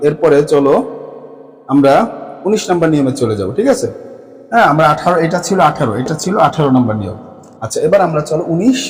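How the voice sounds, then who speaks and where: A man's voice: fairly high pitch, darkish tone, big-room sound, poor audio. A man with a Bangladeshi Bengali accent teaching a grammar lesson, often checking in with his students and repeating forms as he counts through them. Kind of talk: classroom lesson explaining grammar.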